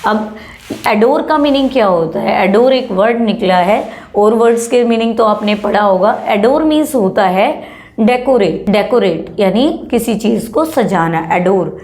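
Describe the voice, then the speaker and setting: A woman's voice: medium pitch, animated, unhurried, darkish tone. A young woman teaching an English grammar lesson, patiently explaining rules in Hindi and listing English example words one by one, often asking rhetorical questions. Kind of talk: classroom-style grammar lesson.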